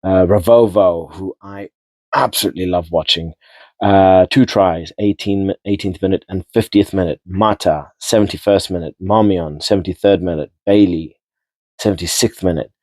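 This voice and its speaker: A man's voice: sits low, steady tone, normal speed, a little mellow, dry recording. A man giving a casual, rambling rugby match recap, repeating and restarting words as he goes. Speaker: rugby vlogger.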